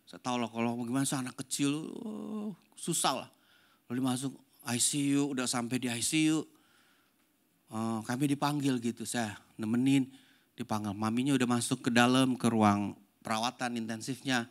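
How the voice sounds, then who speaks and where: An older man, a pastor, preaching a sermon and telling a family story, swinging between loud emphatic lines and hushed, soft passages. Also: mid-range voice, normal speed.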